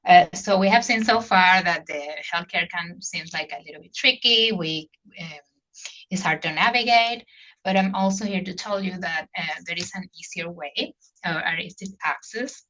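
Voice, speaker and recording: A woman's voice: lowish voice, normal speed, bright, forceful tone, lo-fi sound. A middle-aged woman from Venezuela with a Spanish accent, presenting as a clinic care coordinator on a video call, hesitant with many fillers. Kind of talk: webinar presentation.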